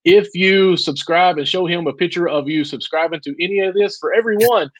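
A man's voice: high-pitched, fairly quick, rough recording. Joking man hosting a podcast. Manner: upbeat, joking plugs for the show. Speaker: podcast co-host. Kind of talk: casual podcast chat.

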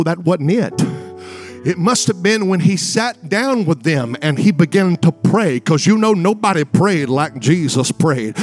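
A man preaching a revival sermon with dramatic, sing-song phrasing, repeating lines and addressing the congregation directly. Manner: dramatic, building from hushed, drawn-out phrases to high, sing-song cries.

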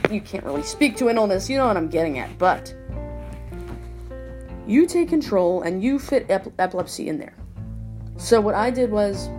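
A woman's voice: fairly high pitch, darkish tone. Emphatic woman podcaster, faint music. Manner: emphatic, repeats herself, frequent "like". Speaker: podcast host. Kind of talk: casual motivational monologue.

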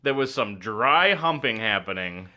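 A man's voice: on the low side, lively intonation, measured pace, a crowd in the background. A man casually discussing a movie with a friend, joking, teasing and laughing often.

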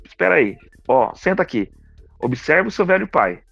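A man's voice: a little high, very animated, normal speed, creaky, husky, no echo, muffled recording, soft background music, voice pushed up, heavily acted. A man playing a loving old father. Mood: reassuring. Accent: Brazilian Portuguese. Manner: warm reassuring calls.

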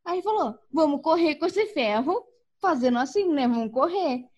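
A woman with a high voice tells a personal story in a relaxed chat. She is animated, laughs often and acts out the voices of the people in it. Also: moderate pace, highs cut off, a little hiss or hum. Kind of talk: casual storytelling.

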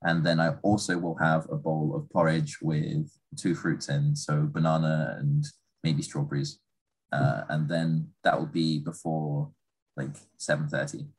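A man's voice: very deep voice, measured pace, breathy edge, low-quality recording. A young man from England chatting casually and loosely about everyday habits. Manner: relaxed, rambling, with fillers. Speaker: conversation partner. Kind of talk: casual chat.

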